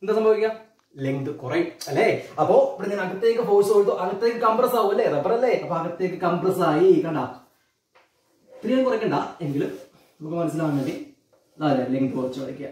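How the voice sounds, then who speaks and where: High-voiced Malayali physics teacher. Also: male voice, animated, darkish tone. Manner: keeps asking students questions, calls them children; repeats key terms slowly. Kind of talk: classroom lecture. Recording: echoey room, mic a bit distant.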